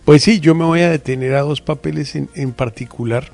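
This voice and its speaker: A man hosting a radio interview, effusive and admiring, speaking haltingly with many fillers. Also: a little high, gravelly, a little mellow, soft background music.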